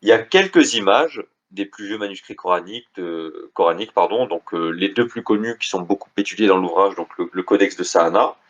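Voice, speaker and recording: A man's voice: sits low, a little fast, few pauses, dull audio. Tired-voiced man giving a hesitant lecture. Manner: hesitant, full of restarts, informal asides. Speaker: lecturer presenting a book. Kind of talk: live online lecture.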